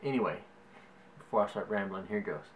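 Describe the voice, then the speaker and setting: This young South Louisiana vlogger has a Cajun accent and rambles casually through a word list, hedging with lots of "like" and "um." His pitch is fairly low and his pace fairly quick, on poor audio with a little hiss or hum.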